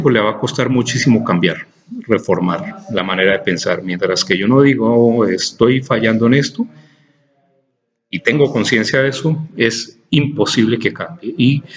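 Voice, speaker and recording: A male philosophy lecturer with a Honduran Spanish accent, dictating a text slowly and spelling out words letter by letter for his students. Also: on the low side.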